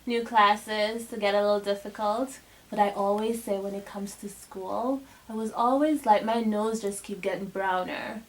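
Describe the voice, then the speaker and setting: A woman's voice: mid-range voice, steady tone, moderate pace, rough recording. Chatty woman, young adult. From Bahamas. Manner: chatty, laughs often, many fillers and restarts. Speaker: guest speaker to a girls' group. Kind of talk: casual motivational talk.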